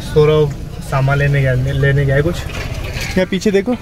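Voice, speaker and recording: A young man narrating a casual travel vlog on a handheld phone, chatty and excited, talking to his viewers as friends. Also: on the high side, a little slow, background noise. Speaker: vlogger.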